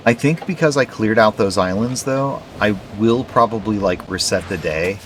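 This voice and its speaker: A male streamer chatting casually at home at night while playing a game, relaxed and rambling with many fillers. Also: fairly low pitch, normal speed, slight background noise. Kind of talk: casual gameplay commentary.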